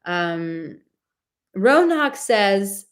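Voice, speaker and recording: Reading viewer comments on her live dating advice stream, a woman from Czech heritage is warm, affectionate and chatty, dropping many fillers. Her soothing, medium-pitched voice is very animated yet extremely slow.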